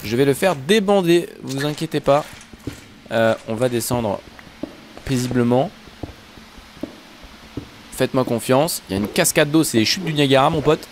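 A man's voice: mid-range voice, expressive, moderate pace, pauses often, slight background noise. A man giving casual, jokey commentary over Minecraft play, talking straight to his viewers. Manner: yelps when startled. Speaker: Minecraft YouTuber.

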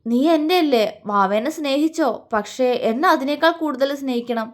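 A woman's voice: sits high, normal speed, natural voice. A woman voicing a sulky, pouting young husband who is jealous of the unborn baby, in a petulant, complaining way. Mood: sulking.

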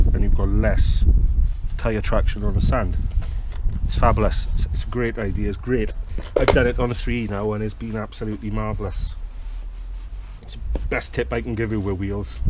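A man in his thirties from the UK giving a chatty, plain-spoken how-to demonstration outdoors in a back garden, recorded on a nearby action camera. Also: fairly low pitch. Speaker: fishing channel host. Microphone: action camera close by. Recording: noisy outdoor camera audio.

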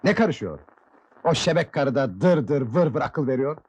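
An actor playing a hot-tempered, blustering husband, in old film acting. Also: male voice, mid-range voice, expressive, normal speed, darkish tone, breathy edge, lo-fi sound. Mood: angry. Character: hot-tempered husband who wants no one meddling in his affairs. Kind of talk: 1960s Turkish film acting.

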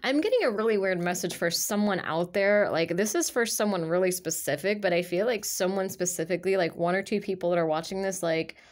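A woman with a lowish voice and a nose stuffed up by allergies reads tarot cards aloud at a table indoors. She talks briskly with hardly any pauses, rambling loosely through a casual monologue full of fillers and restarts.

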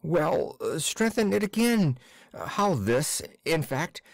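A meek, stammering clerk, put on by a man who breaks off his phrases and pleads. The voice sits well above his usual pitch and swings around a lot. The sound is dry and close. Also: very animated, gravelly, no echo, full character voice. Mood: pleading. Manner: halting, broken-off phrases, pleading. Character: timid stammering older male clerk.

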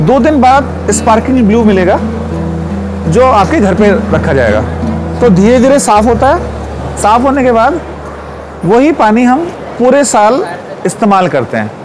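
A man in his forties makes a persuasive sales pitch at a trade stall. His voice sits high and carries easily. Clear music plays in the hall behind him. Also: big pitch swings, measured pace. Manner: confident, persuasive, gestures while explaining. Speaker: pool company representative. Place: large indoor exhibition hall.

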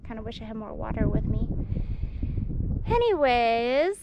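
A woman hiking alone on a forest trail talks to her action camera in a fairly high voice with big pitch swings, at a measured pace. She rambles casually, pokes fun at herself and uses lots of fillers. The audio is very noisy, with the highs cut off.

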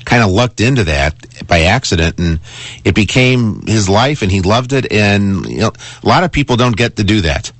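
A man with a fairly low voice talks casually as a radio host. He repeats and restarts phrases to drive points home, and the sound is close and dry, as in a studio. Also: lively intonation, moderate pace, a bit bright, no echo. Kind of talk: casual talk radio monologue and caller chat. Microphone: close studio broadcast microphone.

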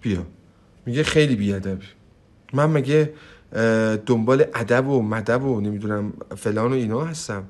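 A young man teaching English online in a livestream. He talks in a brash, hyped way, swears freely, and drops in slow, emphatic English phrases. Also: mid-range voice, a little mellow. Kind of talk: energetic livestream pitch and Q&A.

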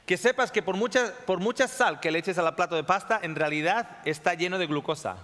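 Male lecturer, high, sharp voice, keeps checking in with the audience; long hall reverb. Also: a little fast. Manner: checks in often with the audience, repeats phrases. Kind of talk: classroom talk to a live audience.

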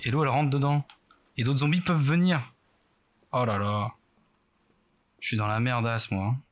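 A man's voice: mid-range voice, fairly even intonation, moderate pace. A man doing casual let's play commentary as a horror game streamer, rambling nervously and self-mockingly as he talks to himself. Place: bedroom at home, indoors.

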